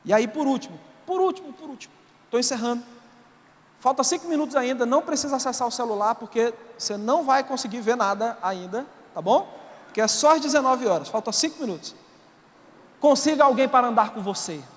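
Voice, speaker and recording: High-voiced Brazilian pastor in a reverberant hall. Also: male voice, a little fast. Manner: animated and colloquial, shifting from soft to shouting. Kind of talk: sermon. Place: church auditorium. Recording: long reverb of a large hall.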